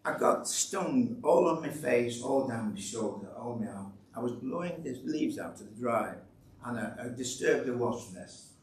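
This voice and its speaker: A man's voice: mid-range voice, animated, moderate pace. Man telling a church testimony. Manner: chatty storyteller, re-enacts conversations, exhorting. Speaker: church speaker giving testimony. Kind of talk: anecdotal church talk. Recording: roomy echo, distant mic, faint ambience.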